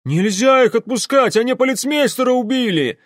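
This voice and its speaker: Man doing rough yelping young soldiers. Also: very high-pitched, expressive, normal speed, dry recording, clean studio sound, voice pushed up. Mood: indignant. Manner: coarse, loud, colloquial. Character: rough young male cavalry soldiers, crude and jumpy.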